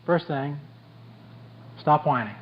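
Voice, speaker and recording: A man's voice: fairly high pitch, slow pace. A man giving a motivational speech to a sales audience, blunt and joking, repeating his key points for emphasis. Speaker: motivational speaker at a sales conference. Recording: dull lo-fi tape with faint background noise.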